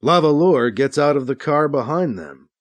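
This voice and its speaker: A man reading scripted audiobook narration of a science-fiction story in a steady, storytelling manner. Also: fairly high pitch, normal speed, no room sound.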